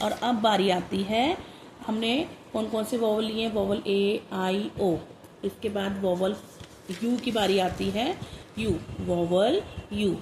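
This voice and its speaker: Slow-spoken woman teacher. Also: medium pitch, darkish tone, echoey room, slight background noise, low-quality recording. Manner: slow, repeats each dictation sound. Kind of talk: lesson for parents.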